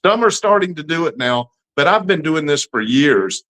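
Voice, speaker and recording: A man's voice: fairly high pitch, sing-song, normal speed, a bit bright. A man in his fifties with an Alabama Southern accent, answering interview questions in a folksy, plain-spoken, emphatic way. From Alabama, United States. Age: 50s. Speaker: political candidate being interviewed.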